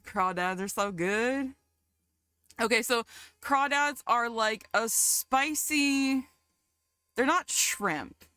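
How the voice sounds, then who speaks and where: Lady streamer, slow drawl, giggles a lot, dry close mic. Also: a little high, smooth, dry recording. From American South. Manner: giggly, chatty, easily excited. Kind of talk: casual chat with live chat.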